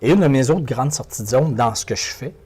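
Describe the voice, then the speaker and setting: Animated and brisk, a motivational speaker from Quebec answers interview questions, repeating words and phrases for emphasis in his Québécois French accent. His voice is medium-pitched, darkish, and breathy-edged.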